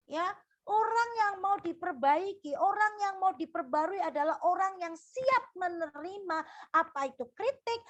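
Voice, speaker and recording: High-voiced woman giving a firm lecture. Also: a bit bright. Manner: firm, admonishing, repeats "ya" often. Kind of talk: sermon-style lecture.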